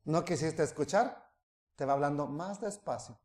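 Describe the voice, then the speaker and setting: A man preaching a sermon to his congregation, animated, acting out little dialogues and swinging between loud and quiet. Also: a little high, moderate pace. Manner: animated preaching, acts out voices, rises and drops in volume.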